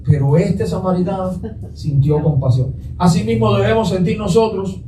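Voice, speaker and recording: A man's voice: high voice, moderate pace, warm tone, roomy sound, recorded from a distance, slight background noise, poor audio. A man pastor giving a Sunday sermon, putting questions to the congregation and answering them himself. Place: church sanctuary.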